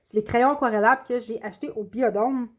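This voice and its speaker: Québécoise woman host, casual show-and-tell, slightly high voice, halting with frequent fillers. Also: steady tone. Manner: hesitant, many filler sounds and self-corrections. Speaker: coloring channel host. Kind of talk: casual show-and-tell of finished coloring pages.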